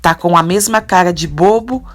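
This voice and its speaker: A woman's voice: on the low side, normal speed, faint music behind, natural voice. Teasing friendly coworker, read by a woman. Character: friendly man, teasing advice-giving coworker.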